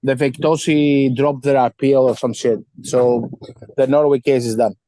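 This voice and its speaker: A man co-hosting a casual stream, blunt and swearing, with halting restarts. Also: medium pitch, flat delivery, mellow, no echo. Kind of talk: casual chat.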